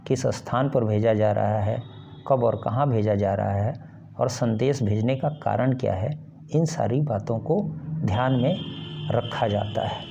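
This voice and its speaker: Guy teaching slowly, gravelly low-key voice, bit of hiss behind. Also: dark tone. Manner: slow and deliberate, with fillers. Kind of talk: explanatory lecture.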